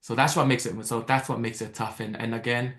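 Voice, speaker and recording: Brisk and medium-pitched, an excited man from American Samoa who first spoke Tongan joins a laid-back interview as a guest. He repeats words and starts over often, and his video-call audio has the echo of a reverberant room.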